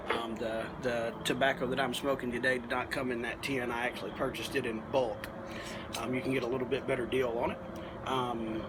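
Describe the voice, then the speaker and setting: Behind clear background noise, a man talks through a casual review in a folksy, unhurried manner. His voice sits at an ordinary male pitch, and he pauses often as he explains things like a hobby reviewer on video. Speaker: pipe tobacco reviewer.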